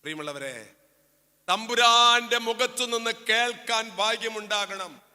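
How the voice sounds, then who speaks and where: A priest preaching to families, telling a story by acting out its dialogue, jumping between loud high bursts and hushed asides. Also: male voice, measured pace. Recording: hall reverb.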